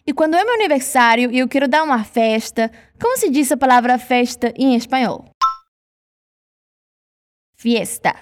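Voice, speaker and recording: A Brazilian woman teaching Spanish pronunciation in a scripted lesson, saying model words slowly for repetition. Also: sits high, lively intonation.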